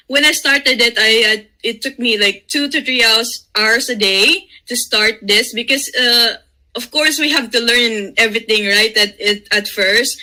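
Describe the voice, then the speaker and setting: A very bright, somewhat high-pitched woman's voice with a Visayan Filipino accent, native in Bisaya. She tells her own story informally, in halting phrases broken up by hesitations. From Davao City, Philippines. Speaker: guest sharing a testimonial. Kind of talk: informal personal testimonial. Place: video call.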